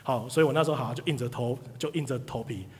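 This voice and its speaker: A man, telling an audience a lively story about his sales career and acting out the people in it. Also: mid-range voice, fast talker, a little hiss or hum. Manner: animated storyteller, acts out quoted people. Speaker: speaker sharing career story. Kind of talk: live motivational talk to an audience. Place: hall with audience. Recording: reverberant hall.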